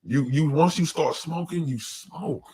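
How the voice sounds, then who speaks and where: A man hosting a casual talk show, telling animated stories in an easygoing chat. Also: a little high, husky. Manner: animated storytelling, drawn-out complaints. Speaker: podcast host.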